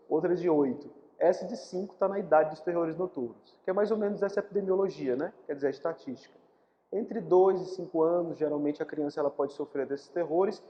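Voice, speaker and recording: A man's voice: on the high side, dark tone. Brazilian man lecturing in a reverberant hall. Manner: explanatory, repeats key words for emphasis. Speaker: spiritist lecturer. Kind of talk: live public talk. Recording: dull recording in a reverberant hall.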